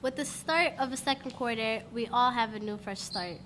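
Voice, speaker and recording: Teenage girl, student co-anchor, school announcements, wry banter, fairly high voice. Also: normal speed, fairly bright tone, a little hiss or hum. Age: teens.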